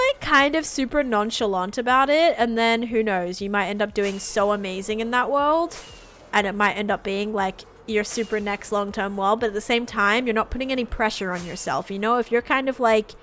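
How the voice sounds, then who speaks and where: A young woman streaming a game live, chatting casually, answering her chat and getting excited over finds. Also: fairly high pitch, slight background noise.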